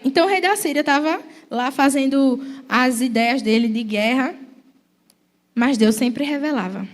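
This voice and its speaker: A woman's voice: high voice, measured pace. A young woman with a Brazilian accent preaching a church sermon in a conversational, playful storytelling way.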